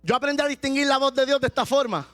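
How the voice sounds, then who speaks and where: A man preaches with a very high voice, slowing his words and raising them to a shout to drive points home. Faint music plays under his sermon. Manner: impassioned preaching, slows and shouts for emphasis. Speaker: pastor.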